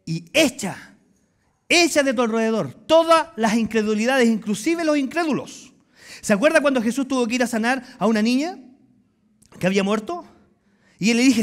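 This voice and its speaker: A middle-aged man with a Chilean accent, preaching a sermon as pastor and acting out voices in lively storytelling. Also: high voice. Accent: Chilean Spanish. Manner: animated storytelling, acts out voices and dialogue.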